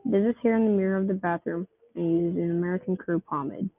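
Someone reading their goofy story, gravelly and kinda husky, sounds like it's through a phone. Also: mid-range voice, fairly even intonation, fast talker, no room sound. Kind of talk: reading a homemade story aloud. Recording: tinny phone-like dry recording.

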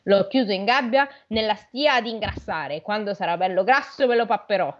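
A woman's voice: medium pitch, normal speed, lo-fi sound, natural voice. A woman voicing a wicked, greedy old witch who barks orders and gloats over her captives, in a storybook reading. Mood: bossy.

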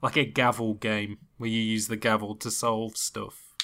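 A man with a bright, forceful voice trades jokes in a loose conversation. He rambles, trails off mid-thought and laughs at his own gags. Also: fairly low pitch, little pitch movement, measured pace. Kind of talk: casual chat.

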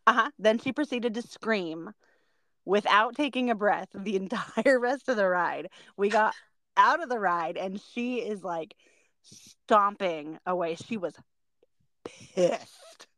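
A woman's voice: medium pitch, slow, a bit bright, no room sound. A woman in her thirties co-hosting a casual chat podcast, telling stories and laughing at herself often. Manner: laughs often, self-mocking storyteller. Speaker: podcast co-host.

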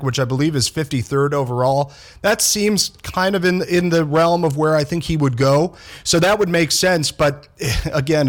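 A male sports co-host giving conversational commentary, repeating words as he reasons things through. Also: fairly high pitch. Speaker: sports show co-host and analyst.

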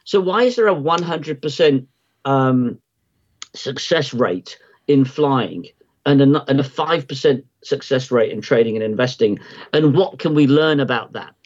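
On a podcast, a male guest who analyzes market timing talks animatedly and a little slowly, his voice at a typical middle pitch. His conversational explanations wander and loop back, full of ums and false starts, and the sound is slightly muffled and lo-fi, as if over a remote call.

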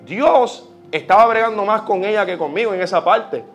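A man with a Puerto Rican accent preaching a sermon, telling personal stories with lively quoted prayers. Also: high-pitched, normal speed, lo-fi sound, faint music behind. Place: church.

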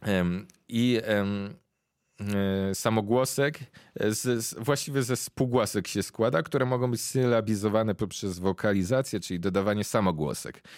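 Young man, podcast host, lowish voice, thoughtful, frequent pauses for words, dry close recording. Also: no room sound. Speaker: podcast host interviewing a guest. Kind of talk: casual conversational explanation.

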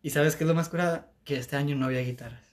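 A young man co-hosting a casual podcast tells stories at a rapid-fire clip, mixing English into his speech and laughing often. His voice is fairly high, with fairly even intonation.

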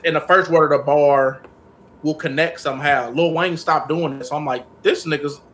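A man with a somewhat high voice co-hosting a casual podcast. He talks bluntly and emphatically, with plenty of profanity. Light noise sits underneath the recording. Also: steady tone, moderate pace, a bit bright. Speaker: podcast co-host. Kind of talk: casual chat.

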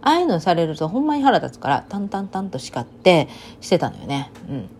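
A woman with a thick Kansai accent, talking solo in a loose, chatty monologue. Her voice sits fairly low and mellow, and her pitch swings widely as she tells stories. Now and then she slips into sharp dialect outbursts. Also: very animated, a little fast, a little hiss or hum. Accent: Kansai, Banshu dialect. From Kansai region of Japan. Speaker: vlogger. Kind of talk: casual monologue.

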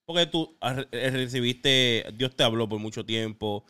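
Casual podcast interviewer, encouraging, crisp tone. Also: male voice, mid-range voice, moderate pace, pushed and bright. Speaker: podcast host.

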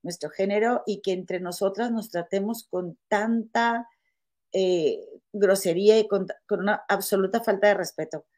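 A woman's voice: medium pitch, normal speed. A woman with a Mexican accent in casual chat, telling stories to a friend and calling her comadre. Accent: Mexican Spanish. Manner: animated storytelling, calls her friend comadre.

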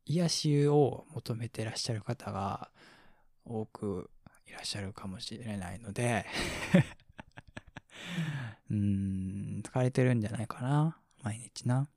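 This relaxed late-night sleep radio show is hosted by a man with a Kansai Japanese accent whose soft, slightly slurred, mumbly voice reads listener comments. He laughs quietly and slips toward whispering, at medium pitch, in a dry studio-quality recording.

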